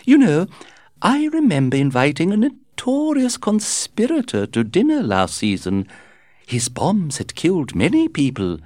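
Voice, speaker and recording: A man's voice: high-pitched, wildly swooping pitch, measured pace, a little mellow, no room sound, studio quality, voice pushed up, exaggerated voice. A man voicing a flamboyant, gossiping society hostess in a theatrical, gushing way.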